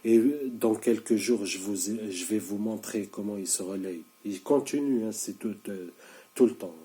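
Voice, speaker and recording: A man in his thirties, short on sleep, speaks directly to the camera in a casual video monologue. His voice is lowish and dark, at a moderate pace, and he keeps insisting and repeating himself, often stumbling and starting over.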